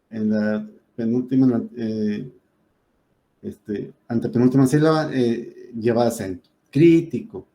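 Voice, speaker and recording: A man's voice: mid-range voice, warm tone. A man teaching a spoken lesson on rules, explaining step by step with frequent fillers and self-corrections.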